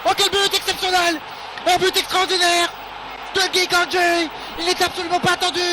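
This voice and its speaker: Excited sports commentary guy, really high voice, exclaims and repeats himself, loud noisy match broadcast. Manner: exclamatory, repeats phrases emphatically.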